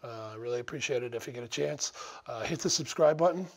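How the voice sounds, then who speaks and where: A man's voice: mid-range voice, quick pace, faint music behind. A middle-aged man hosting a casual shop vlog from a large car restoration garage, talking loosely with lots of fillers into a close action camera. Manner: rambling, many "uh" fillers, easygoing. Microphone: action camera held or mounted close.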